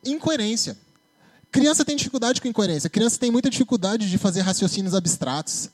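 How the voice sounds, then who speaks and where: Animated Brazilian man preaching. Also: high voice, a little fast. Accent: Brazilian Portuguese. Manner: conversational, animated preaching with tag questions. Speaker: preacher and psychologist. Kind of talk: sermon. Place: church.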